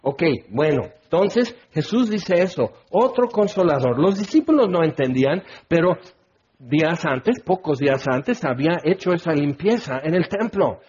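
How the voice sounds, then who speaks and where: A preacher with a fairly high, husky voice delivers an animated sermon. He slips into little acted voices to make his points. The recording is dull and lo-fi. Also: normal speed. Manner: animated, acts out little scenes with put-on voices.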